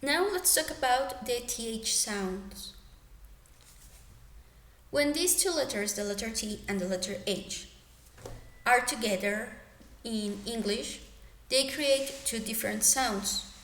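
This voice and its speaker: Slow, careful young woman teaching pronunciation. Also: fairly high pitch, a bit bright, slight background noise. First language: Spanish. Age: young adult. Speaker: student presenter. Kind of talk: pronunciation lesson. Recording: echoey room.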